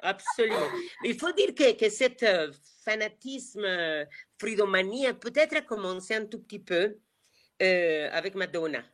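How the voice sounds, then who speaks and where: A woman's voice: mid-range voice, animated, normal speed. A woman with a Mexican Spanish accent, whose first language is Spanish, leads a live virtual tour. She talks in a chatty, meandering way, full of fillers and restarts, over a video call. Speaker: tour guide.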